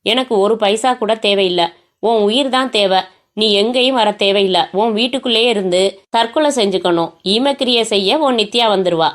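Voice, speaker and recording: A woman voicing a menacing male kidnapper who speaks in a cold, measured, taunting way on the phone. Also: medium pitch, lightly acted.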